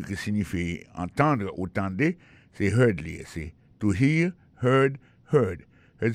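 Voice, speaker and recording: Man, Haitian accent, deepish voice, dry close sound, patient English lesson, repeats and spells words. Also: dry recording. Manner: explains slowly, repeats and spells words, slows to pronounce English. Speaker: English teacher. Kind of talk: language lesson. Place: in the United States.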